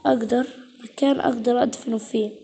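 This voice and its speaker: High frantic woman storyteller. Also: steady tone, fast talker, vocal fry, mellow, slight background noise. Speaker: storyteller voicing the heroine. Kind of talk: first-person role-play storytelling.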